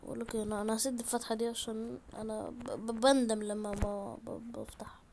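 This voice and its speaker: A woman with an Egyptian accent giving excitable, chatty gameplay commentary to her viewers from a room at home. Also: a little high, fast, vocal fry, slight background noise. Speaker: gaming YouTuber.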